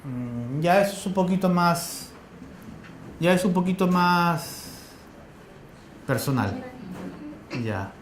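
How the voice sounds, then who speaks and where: Peruvian guy teaching a class, keeps throwing quick questions at students, kinda high voice, echoey room. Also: lively intonation, slight background noise. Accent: Peruvian Spanish. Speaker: lecturer. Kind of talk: interactive classroom lecture.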